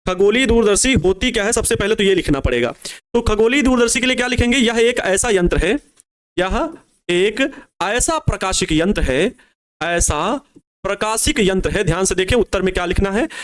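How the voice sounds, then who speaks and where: High-voiced man dictating a physics lesson. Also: animated. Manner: repeats key phrases slowly for dictation, coaxing students; casual asides calling students babua and babu. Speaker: physics teacher. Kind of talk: board exam crash course lecture.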